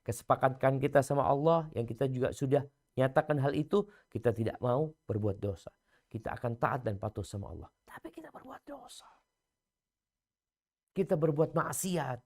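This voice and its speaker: A man giving a religious lecture, swinging from loud emphasis to hushed, near-whispered lines and chanting scripture slowly. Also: mid-range voice. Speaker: preacher.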